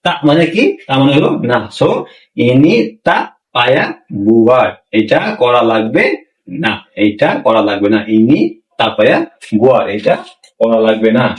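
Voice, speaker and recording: A man's voice: medium pitch, animated. Repetitive male language teacher, roomy. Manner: repeats phrases slowly, asks the class rhetorical questions. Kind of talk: language lesson. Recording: roomy, mic far from speaker.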